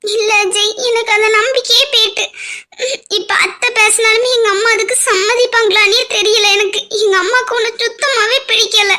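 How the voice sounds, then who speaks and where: Woman doing a worried young girlfriend, soft and pleading, very high voice, cartoon. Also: steady tone, normal speed. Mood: anxious. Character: anxious young woman in love. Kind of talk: cartoon voice acting.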